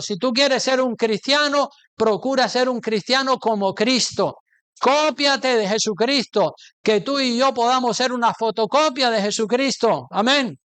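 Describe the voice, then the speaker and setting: A preacher delivers a sermon with emphatic force, his speech peppered with rhetorical questions to the congregation. His voice sits notably high for a man and comes through smooth and clear. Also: a bit bright. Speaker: pastor.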